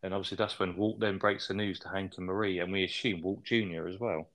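A man's voice: low-pitched, steady tone, fast talker, fairly bright tone. A man hosting a casual recap chat in an easygoing way, often adding tag questions. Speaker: podcast host.

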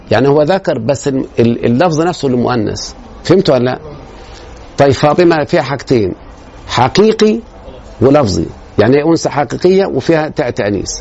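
Fast, gravelly Egyptian man lecturing. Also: mid-range voice, darkish tone, lo-fi sound, slight background noise. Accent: Egyptian Arabic. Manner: explains step by step, often checks that students follow. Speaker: grammar lecturer. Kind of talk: classroom grammar lecture.

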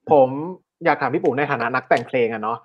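A man's voice: medium pitch, fast. A man co-hosting a podcast, asking long, rambling questions in a chatty, joking way. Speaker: podcast co-host. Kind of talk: casual podcast chat. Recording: dull lo-fi sound.

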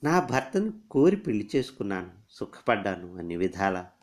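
A man reading a story aloud, voicing a firm, composed young woman who scorns weakness and later pleads gently. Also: fairly low pitch, very animated, moderate pace. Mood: gentle. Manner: stern then gently pleading.

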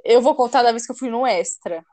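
A woman's voice: on the high side, a little fast, no echo. A young woman hosting a casual chat, telling a heated story and acting out the lines of other people in it, with some swearing. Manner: animated, swears, acts out quoted dialogue. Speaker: podcast host.

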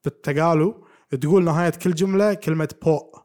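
Guy co-hosting a podcast, talks fast, kinda high voice, teasing his buddy with questions. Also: fairly even intonation, warm tone. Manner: fast, playful, quizzing his co-host. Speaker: podcast co-host. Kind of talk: casual chat.

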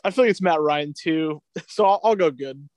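A young man co-hosting a casual sports podcast, making quick jokes and saying "like" a lot. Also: a little high, darkish tone, no echo, clean studio sound. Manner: joking, quick quips, uses "like" a lot. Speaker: podcast co-host.

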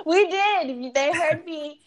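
A woman from the United States with a squeaky voice, co-hosting a podcast in teasing, laughing banter. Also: slow. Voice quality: squeaky high voice. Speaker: podcast co-host.

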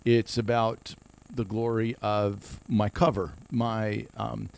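A man's voice: lowish voice, level tone, slow, creaky, a little hiss or hum. A man from Ohio, co-hosting a casual ministry podcast and talking earnestly, often repeating words while he builds a point. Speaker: podcast co-host.

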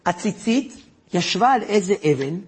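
A man, a rabbi, tells a story to an audience in an animated way, acting out voices and sound effects. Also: high voice, husky.

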